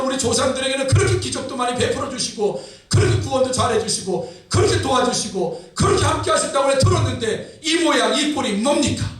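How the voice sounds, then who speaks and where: A frantic young man pleading and shouting out his protests, his voice climbing high, as a pastor acts him out from the pulpit. He sounds distant, in a hall that rings with echo. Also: heavily acted. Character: anguished protesting young Israelite man, feels weakest. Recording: echoey hall from far off.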